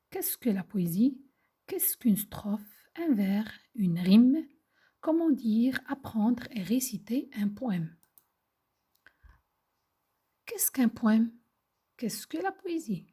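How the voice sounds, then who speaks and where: Slow, breathy woman teaching children. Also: fairly high pitch, dark tone. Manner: slow, patient, repeats and explains simple words. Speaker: primary school teacher. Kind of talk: video lesson for children.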